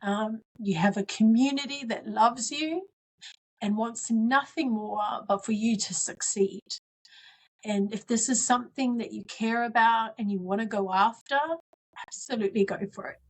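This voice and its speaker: A woman's voice: on the high side, moderate pace. Earnest woman politician speaking from the heart. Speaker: politician guest. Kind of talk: interview conversation.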